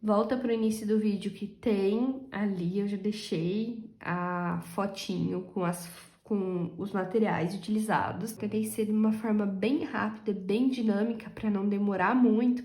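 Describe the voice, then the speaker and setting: A woman's voice: medium pitch, steady tone, moderate pace, hardly any pauses, mellow, roomy sound. A woman giving a chatty, casual crochet tutorial, her voice stuffy and nasal from a cold, often checking in with her viewers as she works. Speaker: crochet instructor.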